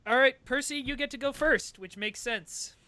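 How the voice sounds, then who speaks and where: A man acting as game master, explaining the scene and rules in a quick, questioning way. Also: very high voice, bright, forceful tone, no room sound. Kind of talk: narrating a tabletop game.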